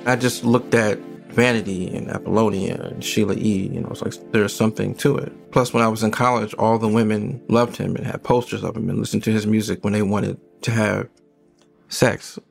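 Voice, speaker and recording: A man's voice: lowish voice, steady tone, normal speed, vocal fry. A man speaking casually as an interview guest and music fan.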